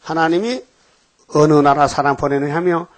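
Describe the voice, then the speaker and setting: A man's voice: on the high side, normal speed, no room sound. A man preaching a sermon, emphatically prompting the congregation. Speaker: pastor.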